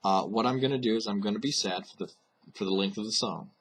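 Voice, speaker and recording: A man's voice: on the low side, fast, fairly bright tone, slightly rough. A man hosting a casual monologue, thinking aloud with frequent fillers and restarts. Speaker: host.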